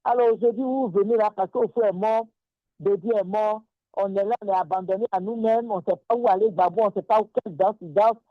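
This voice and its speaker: A woman's voice: medium pitch, fast, dry recording. A woman with an Ivorian French accent giving impassioned political commentary, indignant and emphatic, hammering her points by repeating them. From Côte d'Ivoire. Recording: dry, tinny phone-like line.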